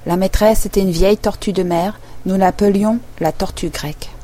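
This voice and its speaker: A woman reader voicing a sorrowful female mock turtle in a storybook, raised in pitch, mournful and sighing, quick to take offence. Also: fairly even intonation, dark tone, natural voice. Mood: wistful.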